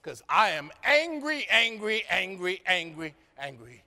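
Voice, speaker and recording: A male preacher acting out a weary older widow who is grieving and bitter. The voice lifts high and bright while the church hall's long reverb trails behind every line. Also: very animated, unhurried, creaky, full character voice. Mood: bitter anger. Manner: pleading, then bitter and raging. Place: church sanctuary.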